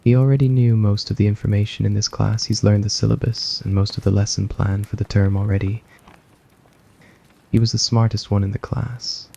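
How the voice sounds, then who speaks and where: A man tells an ASMR story in a low, gravelly voice heavy with fry, his soft, scripted delivery carrying a husky edge. He moves briskly with little pitch movement, and the recording sounds slightly dull and lo-fi.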